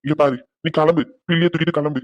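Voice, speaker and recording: A man's voice: a little high, steady tone, fast, dry recording, close to an everyday voice. A man playing a protective cartoon father. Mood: soothing. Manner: soothing to his daughter, scolding the husband. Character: protective older father, fierce toward his son-in-law.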